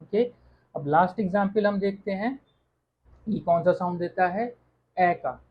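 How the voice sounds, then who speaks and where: A teacher walks through French vowel sounds one at a time and repeats each word several times. The voice is of middle pitch and sits in a dull, lo-fi recording. The pace is patient, and "okay" comes after each point. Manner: slow, repeats words, says "okay" often. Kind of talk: online language lesson.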